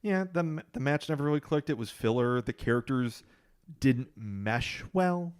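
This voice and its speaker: A man's voice: mid-range voice, expressive, moderate pace, clean tone. A man co-hosting a podcast, talking in a conversational, dry and opinionated way. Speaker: podcast co-host. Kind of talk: casual chat.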